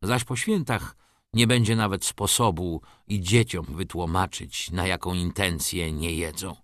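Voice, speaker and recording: A man's voice: low voice, fairly even intonation, measured pace, a bit bright, no echo, clean studio sound. A man voicing a poor, humble old carter who speaks deferentially and wearily in a storybook reading. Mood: resigned. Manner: humble, pleading, respectful address.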